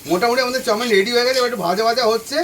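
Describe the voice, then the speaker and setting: A home cooking channel host talks very fast in an extremely high, fairly bright voice, taking viewers through a recipe step by step, repeating each instruction and speaking to them directly from his kitchen stove. The mic picks him up from a distance, with slight background noise plus frying sizzle and stirring.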